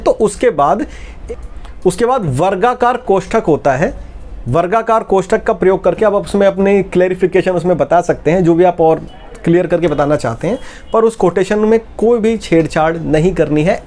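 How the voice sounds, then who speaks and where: A man's voice: high voice, a little mellow. A man explaining step by step in a tutorial and speaking to viewers as friends. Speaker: publishing instructor. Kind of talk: tutorial talk.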